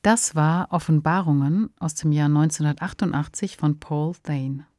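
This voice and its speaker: A woman with a deep, slightly mellow voice speaks at a moderate pace on a dry recording. As a podcast co-host, she discusses radio drama in a conversational, discursive style.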